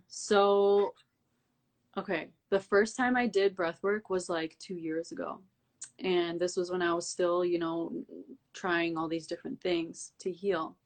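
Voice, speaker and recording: A young woman with a slightly low voice talks through her story as a guest in a relaxed interview. She fills her sentences with "like" and acts out her own past thoughts in an animated way. She speaks as a breathwork coach. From Albanian heritage. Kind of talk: casual interview conversation.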